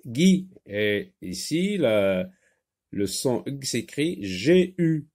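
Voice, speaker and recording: Slow, patient male phonics teacher. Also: medium pitch, big pitch swings, darkish tone, slightly rough. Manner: slow, patient, repeats words and syllables. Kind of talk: French phonics lesson for children.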